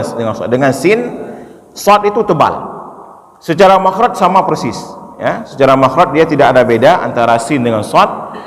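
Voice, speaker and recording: A man's voice: a little high, long reverb tail. A man teaching Quran recitation, patiently correcting a student and modelling sounds syllable by syllable. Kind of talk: correcting recitation in a tajwid lesson.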